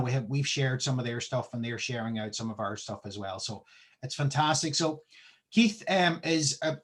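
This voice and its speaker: Male Irish host, slightly high pitch, informal, halting introductions. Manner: halting, repeats words as he goes. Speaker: event host.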